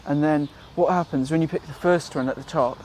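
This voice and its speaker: A young man from Wales giving a relaxed, chatty gardening how-to outdoors, with frequent ums and self-corrections. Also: fairly high pitch, brisk, slight background noise. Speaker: gardening vlogger. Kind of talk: casual how-to vlog.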